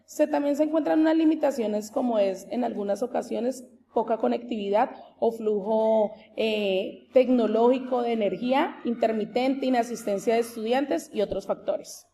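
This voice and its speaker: A woman's voice: a little high, normal speed, hardly any pauses. Woman giving a formal academic presentation. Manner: steady, explanatory, with occasional restarts. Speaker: master's degree candidate presenting her thesis.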